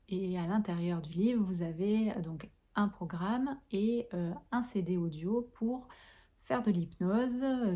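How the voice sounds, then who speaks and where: A woman chatting casually to camera in a vlog, talking straight to the viewer with frequent hesitant pauses. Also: medium pitch, mellow. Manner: chatty, addresses the viewer directly. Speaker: video creator.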